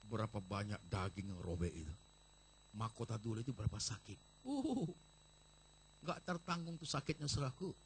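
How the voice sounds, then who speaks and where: A male pastor preaching a lively sermon to a congregation, acting out voices of church members and slipping in English phrases. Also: fairly low pitch, moderate pace, a little hiss or hum. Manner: animated preaching, acts out congregants, mixes in English. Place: large church.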